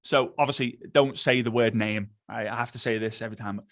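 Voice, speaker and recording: A man giving a motivational coaching talk, animated, repeating himself and acting out quick examples. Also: medium pitch. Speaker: social media coach.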